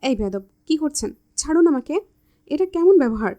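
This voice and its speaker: A woman voicing a feisty, shy young woman who is quick to anger, scolding and indignant. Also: high-pitched, dark tone, pitched above the performer's own voice, close to an everyday voice.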